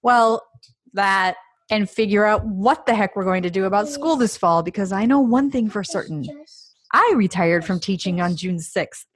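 A woman co-hosting a podcast in casual chat, talkative and quick to laugh. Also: mid-range voice, animated, dry recording. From United States. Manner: chatty, laughs easily. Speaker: podcast co-host.

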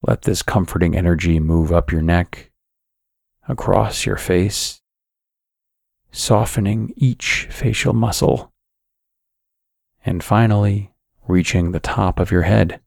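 Man, sleep-story narrator, very unhurried, calm and soothing, scripted guided meditation, close dry sound. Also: low voice, creaky, dry recording.

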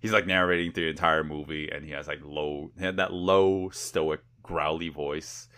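A man with a very low, deep voice talks through a movie review in easygoing podcast chat. He rambles a little and leans on fillers like um and like as he thinks aloud. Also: normal speed, clear, resonant tone. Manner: relaxed, rambling, filler-heavy. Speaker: podcast co-host. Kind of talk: casual film review chat.

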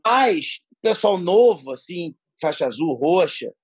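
A man's voice: fairly high pitch, measured pace, breathy edge, no room sound, highs cut off. A man tells a story casually, full of slang and swearing. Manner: slangy, profane, animated storyteller.

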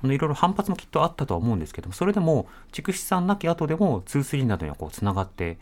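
A man's voice: a little high, very animated, rapid-fire. A man hosting a radio interview, asking probing questions and giving frequent short backchannels. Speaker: radio host.

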